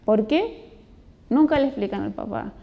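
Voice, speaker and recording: A woman dentist with a Chilean accent gives an earnest testimonial. Her voice sits a little high and sounds warm and mellow. She talks in a conversational, explanatory way. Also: animated, normal speed, vocal fry. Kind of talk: testimonial interview.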